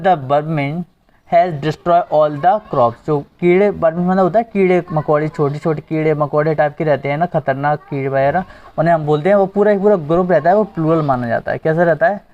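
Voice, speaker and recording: A man's voice: a little high, brisk. A male teacher giving an exam-prep grammar lesson, asking the class questions and repeating the answers. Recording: dull lo-fi recording.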